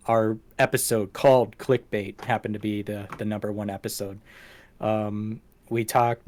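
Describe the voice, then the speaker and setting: A podcast host with a somewhat mellow, mid-range voice chats loosely about his show's statistics. He wanders from point to point and tends to put himself down.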